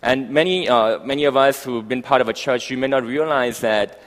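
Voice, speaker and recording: A man preaching a sermon, speaking haltingly with many fillers and restarts. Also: medium pitch. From grew up partly in Africa. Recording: long hall reverb.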